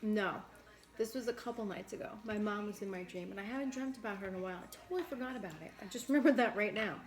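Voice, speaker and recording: A woman's voice: mid-range voice, rapid-fire. A woman co-hosting a livestream, chatting casually over a meal in a blunt, sweary way. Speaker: livestream co-host.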